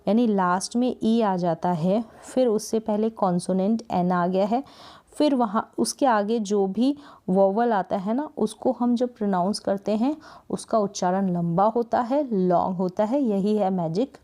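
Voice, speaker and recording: A woman from India teaching English spelling rules, patiently repeating words and stretching syllables slowly to show pronunciation. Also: mid-range voice, dark tone. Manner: slow, drawn-out syllable-by-syllable pronunciation drills; patient, repeats words often with "thik hai" checks. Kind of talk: explanatory lesson.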